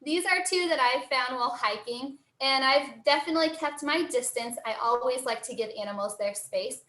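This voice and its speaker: A woman's voice: high voice, normal speed, sharp tone. An American woman working as a zoo educator, giving a live online lesson for children in a cheery, encouraging zookeeper manner. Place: indoor room, online video call. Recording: roomy, echoing sound.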